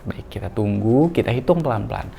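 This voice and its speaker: A man working as a child therapist, calmly explaining home exercises to parents in an instructional talk. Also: lowish voice, vocal fry, a little hiss or hum. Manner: calm, explanatory, with slow singsong demonstrations.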